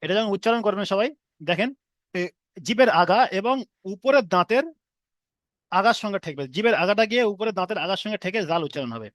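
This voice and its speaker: A man's voice: sits high, expressive, fast talker, a bit bright, no room sound. A man teaching an online class, patiently repeating and drilling each letter sound for his students.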